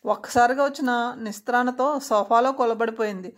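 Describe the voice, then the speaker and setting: A woman narrating a written story aloud, in a steady, expressive reading. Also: on the high side, normal speed.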